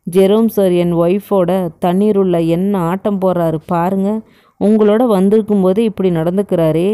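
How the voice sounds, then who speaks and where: A woman voicing a jealous, fiery wife who fires off sharp, accusing retorts in an audiobook novel. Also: mid-range voice, fairly even intonation, normal speed, lightly acted.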